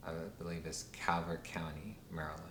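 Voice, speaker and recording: A man in his thirties from Washington, D.C. talks unhurriedly in a casual recorded interview, pausing often and using plenty of fillers. The recording sounds roomy, with a steady low rumble underneath.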